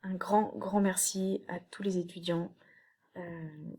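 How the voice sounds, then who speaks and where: A woman teacher who explains slowly in a recorded video lecture, with many fillers and restarts. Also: lowish voice, fairly even intonation, mellow, breathy edge. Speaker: university teacher. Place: home, late evening.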